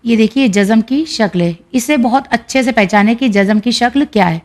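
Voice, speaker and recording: A woman teacher with an Indian Urdu accent, patiently explaining a reading lesson and sounding out syllables slowly and clearly. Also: fairly high pitch, a little mellow.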